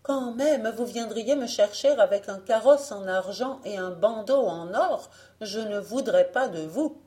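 A woman's voice: mid-range voice, measured pace, warm tone, pitched above the performer's own voice, lightly acted. A woman voicing a proud young woman from a storybook who boasts and scorns her suitors. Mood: disdainful. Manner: haughty, boastful.

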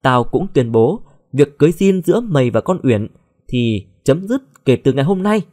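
A man voicing a blunt, sharp-tongued middle-aged mother in an audio story, scolding her daughter. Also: medium pitch, sing-song, normal speed.

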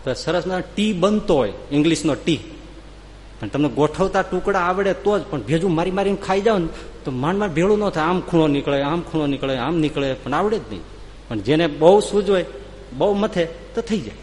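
Lively storytelling preacher man. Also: on the high side, fairly quick, slight background noise. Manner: lively, humorous storytelling, acting out voices. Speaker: religious speaker. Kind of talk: sermon with a told story. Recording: reverberant hall, faint ambience.

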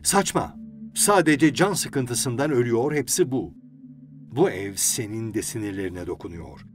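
A man's voice: mid-range voice, lively intonation, a little slow, lightly acted. A man playing a passionate young sailor who talks in a pleading, sulky, jealous way, with music playing behind. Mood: urgent, jealous.

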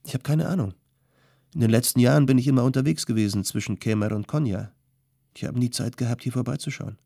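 A man's voice: mid-range voice, quick pace, gravelly, warm tone, no echo, studio quality, voice pushed up. A male audiobook reader voicing a young former bandit, wistful and uneasy, asking earnest, anxious questions. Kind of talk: audiobook character voice.

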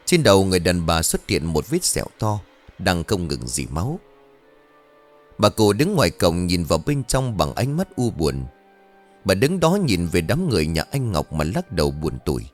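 A man tells a ghost story in a low voice that swings widely in pitch. His narration is dramatic and expressive, with faint music running underneath. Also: moderate pace.

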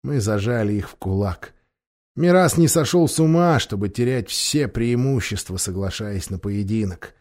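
Male reader doing a sly, quiet storybook lord, low and conspiratorial. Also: lively intonation, moderate pace, close to an everyday voice. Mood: scheming. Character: scheming soft-spoken lord, adult man.

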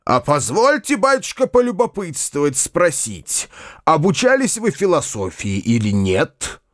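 Irascible old landowner, loud and bristling, voice pushed high by a male reader; audiobook character. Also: sing-song, dry recording, clean studio sound. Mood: indignant. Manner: blustering, shouting, quick to temper.

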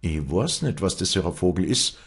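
A man's voice: deep voice, lively intonation, moderate pace, voice pushed up. A man voicing a hot-headed young hunter who grumbles irritably in a Bavarian dialect. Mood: grumbling.

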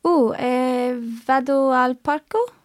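A woman learning Italian offers tentative, searching answers in a lesson. Her voice sits fairly high and she speaks slowly. The recording is close and dry. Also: no room sound. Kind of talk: language lesson practice.

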